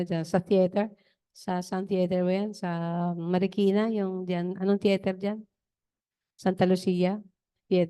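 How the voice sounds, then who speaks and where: A woman's voice: on the high side, warm tone, clean tone. A woman preacher giving a chatty, digressive testimony during a worship service.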